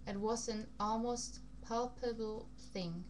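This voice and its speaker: A woman with a fairly high voice and fairly even intonation reads a novel slowly in a fake, comical foreign accent. She sometimes trips over words and repeats phrases, all on a noisy recording with background hum.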